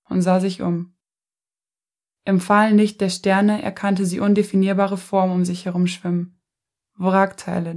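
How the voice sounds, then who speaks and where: A woman reading a novel aloud as an audiobook narrator, measured and dry. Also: fairly low pitch, a little mellow.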